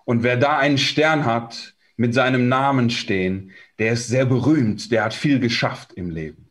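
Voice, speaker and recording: A German man preaching a sermon in short, conversational phrases, pausing for his interpreter. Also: medium pitch.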